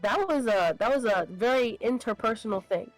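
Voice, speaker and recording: A woman playing a tabletop game, chatting casually in an expressive, sweary way. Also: a little high, moderate pace, faint music behind, low-quality recording. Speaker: player.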